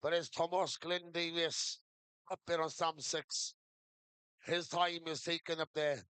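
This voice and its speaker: A male live commentator with a smooth, clear voice set a little high. He gives running play-by-play of a shearing contest in short phrases, heard dry and close. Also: little pitch movement, unhurried, sharp tone, dry recording. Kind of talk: live sports commentary to a crowd.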